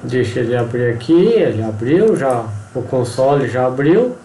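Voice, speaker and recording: A man's voice: mid-range voice, very animated, moderate pace, warm tone, slight background noise. Brazilian man explaining, echoey room. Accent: Brazilian Portuguese. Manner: explanatory, frequent tag questions and pointing words. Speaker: engineering instructor. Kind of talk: screen-recorded tutorial walkthrough.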